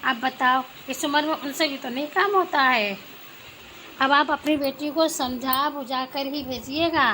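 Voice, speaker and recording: Woman doing a son-in-law, blunt and fed up, bright high voice, faint hum behind. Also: unhurried, low-quality recording. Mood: complaining. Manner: blunt, complaining. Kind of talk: homemade family skit.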